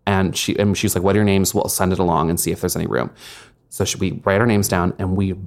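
A young man hosts a casual podcast chat, telling a long travel story in a rambling way. His voice sits a bit low, and his talk is full of fillers and swearing. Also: flat delivery, fast talker, creaky. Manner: rambling, frequent likes and swearing. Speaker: podcast host.

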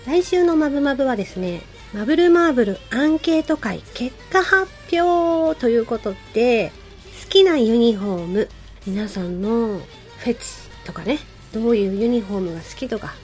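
A woman's voice: a little high, lively intonation, moderate pace, darkish tone, faint music behind. A woman co-hosting a podcast, giving show announcements in polite phrasing. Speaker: podcast co-host.

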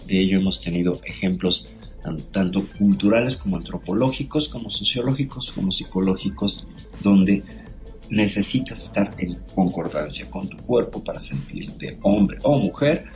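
A man with a very low voice explains things in a measured, lecturing way as host. The sound is dull and lo-fi, with faint music behind him. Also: a little mellow. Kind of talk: explanatory talk show.

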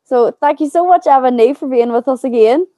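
Mellow Irish woman presenting. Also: sits high, a little fast, dry recording. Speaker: show host, interviewer. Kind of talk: magazine show presenting.

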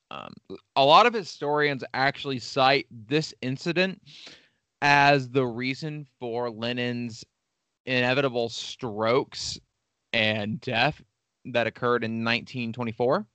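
A man's voice: mid-range voice, a bit bright, no echo. Crude joking man hosting a podcast. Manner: crude, joking, swears often. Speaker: podcast host. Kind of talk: casual history podcast chat.

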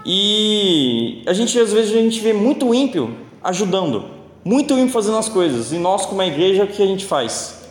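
High-voiced preacher in echoey hall. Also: male voice, sing-song, normal speed, slight background noise. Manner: casual, joking storytelling in a sermon. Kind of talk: sermon. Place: church hall. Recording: echoey church hall with long reverb.

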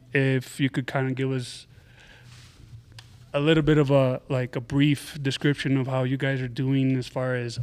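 Smooth-voiced man hosting a casual chat. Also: mid-range voice. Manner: relaxed, filler-heavy questions. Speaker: podcast host.

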